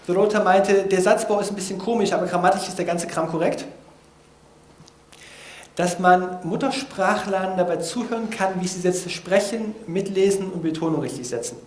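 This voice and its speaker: A man with a notably high voice gives a relaxed, informal talk in front of an audience. He jokes at his own expense and drops slangy asides. The sound carries a roomy echo from the hall. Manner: lively, casual and self-mocking, with slangy asides. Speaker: speaker giving a talk on language learning.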